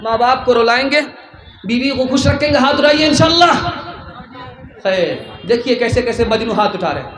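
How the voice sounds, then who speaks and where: Impassioned high-voiced male preacher, echoey. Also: a little hiss or hum. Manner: impassioned, rising to shouts and sung verses. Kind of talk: sermon.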